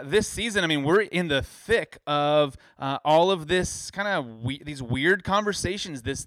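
A man from California hosts a podcast with eager enthusiasm, rambling and dropping fillers along the way. His voice is mid-pitched, smooth and clear. The sound is dry and close to the mic. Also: a bit bright, dry recording. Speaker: podcast host. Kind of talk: casual podcast chat.

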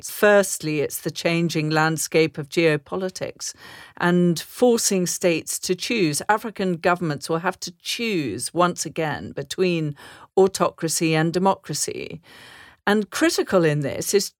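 A woman from Zambia co-hosting a current-affairs podcast, giving measured, thoughtful analysis with occasional restarts. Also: lowish voice, animated, dry recording, clean studio sound. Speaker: podcast co-host.

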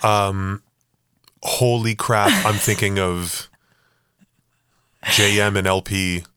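A man co-hosting a podcast in casual chat, joking around with frequent swearing and quick asides. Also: on the low side, steady tone, bright, forceful tone, clean tone, no room sound, clean studio sound. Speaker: podcast co-host.

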